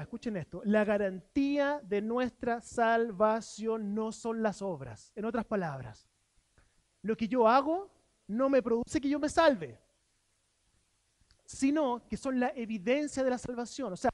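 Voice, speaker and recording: A man's voice: very high voice, a little mellow, dry recording. A man with a Chilean Spanish accent preaching a sermon as pastor, earnest, asking rhetorical questions and voicing imagined objections from listeners. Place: church.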